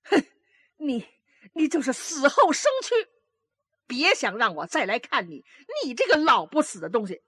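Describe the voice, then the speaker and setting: A woman voicing a cruel, sharp-tongued grown daughter who curses her mother. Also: high voice, big pitch swings, normal speed, breathy edge, no echo, clean studio sound, pitched above the performer's own voice, exaggerated voice. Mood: spiteful. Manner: snarling, contemptuous.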